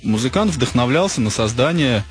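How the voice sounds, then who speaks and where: A man's voice: medium pitch, lively intonation, moderate pace. A man hosting live late-night radio, talking in a grandiose, mock-ceremonial announcing manner. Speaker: radio host. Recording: music playing behind the voice. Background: music.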